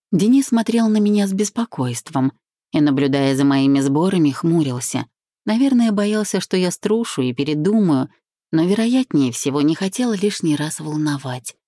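A woman reading a first-person audiobook in a calm, reflective way. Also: sits low, no echo, studio quality. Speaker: audiobook narrator. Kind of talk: scripted first-person narration.

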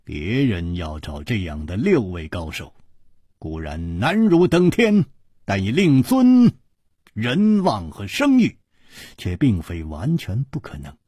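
A man doing a calm low-voiced hero. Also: slow, breathy edge, no room sound, studio quality, heavily acted. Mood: composed. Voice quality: low quiet composed. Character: calm unflappable male hero swordsman.

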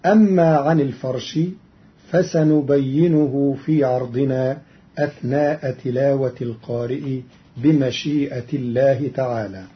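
A man giving a formal scholarly explanation of Quran readings in a measured, deliberate way, on a dull lo-fi recording. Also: mid-range voice, steady tone. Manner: measured and deliberate, chanting quoted verses.

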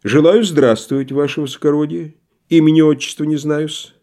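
A man's voice: a little high, steady tone, moderate pace, dark tone, pitched above the performer's own voice, natural voice. A man voicing a wily, stubborn merchant who talks in a folksy, obsequious way, in an audiobook play reading. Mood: wheedling stubborn. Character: wily, stubborn middle-aged male merchant.

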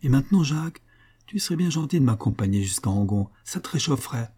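A man voicing a greedy, fearful old male silversmith who speaks in eager, hushed tones in a storybook reading. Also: medium pitch, animated, fast talker, husky, pitched above the performer's own voice. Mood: nervous.

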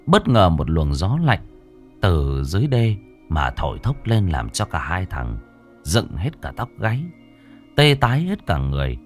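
A man narrating a ghost story in a dramatic, expressive way. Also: deep voice, unhurried. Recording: faint background music.

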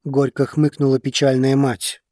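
A man narrating a story in an audiobook with calm, even storytelling. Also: medium pitch, moderate pace, dry recording, clean studio sound.

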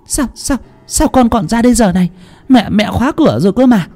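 A man's voice: very high voice, lively intonation, brisk, a little mellow, pitched above the performer's own voice, exaggerated voice. A man voicing a frantic middle-aged village mother, calling out shrilly and desperately. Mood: anxious scolding.

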